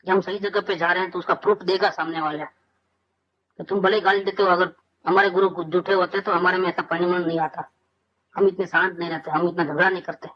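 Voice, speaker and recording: A man's voice: high-pitched, flat delivery, brisk. Male spiritual teacher, conversational discourse, rhetorical questions, muffled lo-fi sound. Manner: conversational, asks rhetorical questions and answers them. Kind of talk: informal scripture discourse.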